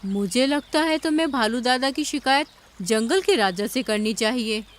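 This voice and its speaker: A woman's voice: on the high side, lively intonation, moderate pace, natural voice. A woman voicing a gossiping female blackbird who eggs others on. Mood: gossipy. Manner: stirring up trouble.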